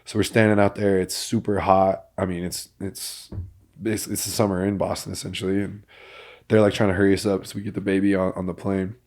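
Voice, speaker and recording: A man hosting a podcast, telling a story in an animated way that builds to excited bursts. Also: sits low, brisk. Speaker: podcast host. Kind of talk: casual chat.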